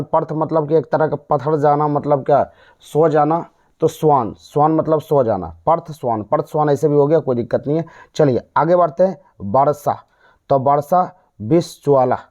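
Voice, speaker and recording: A man's voice: on the high side, a little mellow. A man with a Bihari Hindi accent teaching general knowledge mnemonics, repeating and quizzing in a call-and-response way. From India. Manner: repetitive, drilling call-and-response. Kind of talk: exam mnemonic lesson. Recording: dull lo-fi audio.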